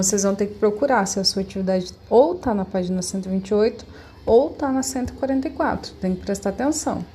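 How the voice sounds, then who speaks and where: A woman's voice: on the high side, dark tone, a little hiss or hum. A woman, a schoolteacher patiently explaining lessons step by step to children over a computer mic. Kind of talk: remote class instructions.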